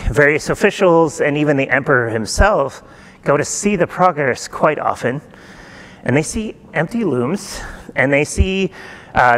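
A middle-aged man preaching a sermon in a church, retelling a folktale in a relaxed, conversational way and asking the congregation questions. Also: a little high. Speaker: pastor. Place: church sanctuary.

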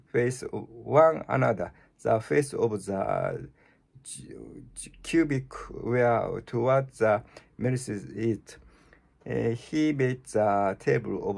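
A man with a Japanese accent, a native Japanese speaker, reading the Bible aloud in English in a halting, stumbling way, with many restarts and fillers. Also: mid-range voice, creaky, a little mellow. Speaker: channel host reading scripture.

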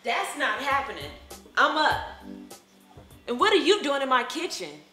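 An actress playing a withdrawn, tired hip-hop artist who talks in a flat, dismissive way. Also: female voice, high-pitched, measured pace, reverberant, faint music behind, full character voice. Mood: irritated. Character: weary, withdrawn woman, hip-hop artist shutting people out.

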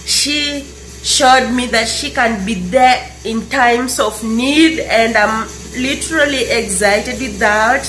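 A woman gushes excitedly to camera, repeating herself over and over. Her voice sits a little high, bright and sharp. She talks slowly and drawls her words out, with a faint hiss of noise behind her. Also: poor audio. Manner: gushing, repetitive and excitable. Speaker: vlogger. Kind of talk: casual vlog talk to camera. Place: indoors at night.

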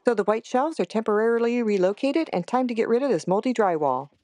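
A woman in her thirties narrating a home decluttering vlog in a calm, steady voice-over. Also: a little high, quick pace, dry recording. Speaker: home organizing vlogger.

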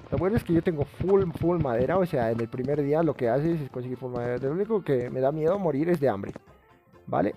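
A man streaming a game live, talking casually, rambling excitably and swearing often. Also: mid-range voice, vocal fry.

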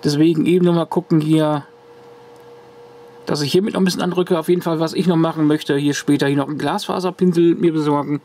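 This retro computer fan casually presents a corroded circuit card on camera at home, rambling and restarting with plenty of fillers. He talks quickly in a fairly high, darkish voice with fairly even intonation.

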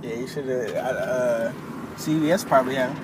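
A man's voice: mid-range voice, moderate pace, heavy background noise. A young man chatting casually to his camera in a car, with laid-back, mumbled asides. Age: young adult. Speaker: vlogger. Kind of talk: casual vlog chat. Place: inside a car, then a bowling alley. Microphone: handheld camera close up.

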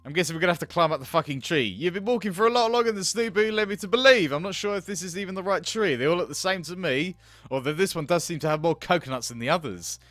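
Male gaming host, sarcastic and sweary, animated and high-pitched, dry close recording. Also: fast, no echo. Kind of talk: playing and reading a visual novel aloud.

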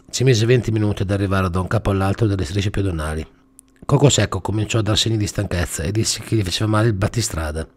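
A man hosting a show, reading a comic story aloud in a dry, even manner. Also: lowish voice. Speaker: storyteller host.

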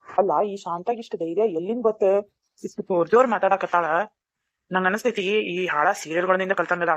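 A woman's voice: on the low side, brisk, no room sound, close to an everyday voice. A woman voicing a grumpy, bossy middle-aged village husband in a cartoon, with a North Karnataka Kannada accent. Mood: muttering angrily. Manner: bossy, threatening. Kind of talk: cartoon voice acting. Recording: dull lo-fi recording.

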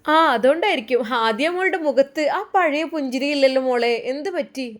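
Storybook tale: a woman doing a nosy, friendly middle-aged helper, a bit higher than usual. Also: a little fast, lightly acted. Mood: curious. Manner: curious, chatty, friendly. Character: chatty middle-aged female house helper.

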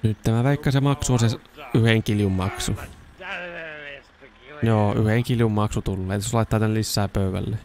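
Young man, low voice, gaming commentary, casual, chatty, excitable bursts. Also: long pauses, a crowd in the background. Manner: chatty, talks to himself while playing, bursts into excited shouts. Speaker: gaming YouTuber. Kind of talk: casual let's-play commentary.

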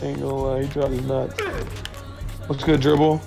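A man's voice: mid-range voice, little pitch movement, normal speed, creaky. A man chatting casually during a video game as a teammate, slangy and blunt, with swearing. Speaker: streamer's gaming teammate. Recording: music playing behind. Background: music.

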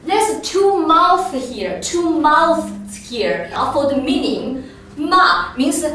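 Female teacher, slow and patient, fairly high voice, often laughing; captured from far off in a reverberant room with faint background noise. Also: sing-song, a bit bright. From China. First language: Chinese. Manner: patient, models sounds for students to repeat, laughs often. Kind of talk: classroom teaching. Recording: echoey room, recorded from far off.

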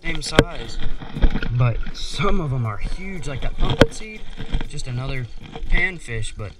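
Wearing an action camera on his head or chest, a young man runs a fishing channel and gives excitable, casual play-by-play of each catch on a wooded creek bank, dropping "y'all" and "dude". His mid-range voice is a little slow and distant from the mic, buried in heavy noise and loud background music.

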